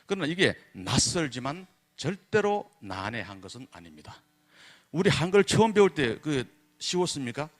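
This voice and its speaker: Korean script is the subject of this public lecture by a man whose fairly high voice swings widely in pitch at a normal speed. He sounds out letters to show how they work and asks his listeners rhetorical questions.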